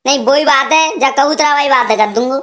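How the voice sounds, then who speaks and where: A performer doing a high-voiced pleading village man. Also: fairly quick, fairly bright tone. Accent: Braj rural Hindi. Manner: pleading, insistent. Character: eager village man showing off his dialogues. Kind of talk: comic cartoon dialogue.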